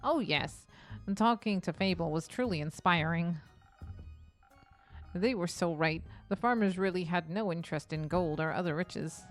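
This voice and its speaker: A woman's voice: on the low side, normal speed, soft background music, lightly acted. A woman voicing a nerdy, eager young man who dreams of being a hero, talking earnestly and a little formally. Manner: earnest, wide-eyed and formal.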